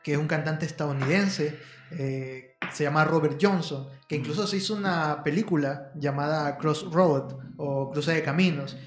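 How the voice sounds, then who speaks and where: Un hombre que cuenta una historia de forma pausada durante una charla informal. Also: male voice, a little high, echoey room, faint music behind. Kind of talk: casual podcast discussion.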